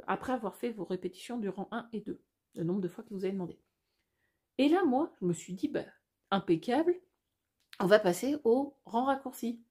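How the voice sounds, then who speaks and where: Mellow-voiced woman explaining knitting steps. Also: medium pitch. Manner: chatty, thinks aloud, self-correcting, many fillers. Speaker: knitting tutorial host. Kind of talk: casual step-by-step knitting tutorial.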